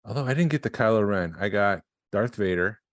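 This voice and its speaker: A man's voice: on the low side, lively intonation, a little fast, no echo. A man co-hosting a collecting podcast in casual chat, explaining things in a matter-of-fact way. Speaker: podcast co-host.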